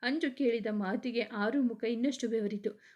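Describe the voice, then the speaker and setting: A woman narrating a serialized family story aloud, expressive and acting out every character. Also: fairly high pitch, moderate pace.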